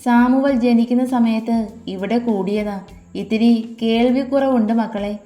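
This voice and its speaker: A woman's voice: a little high, normal speed, dark tone, lightly acted. Woman voicing a stern old grandmother. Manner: firm, commanding. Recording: echoey room, faint music.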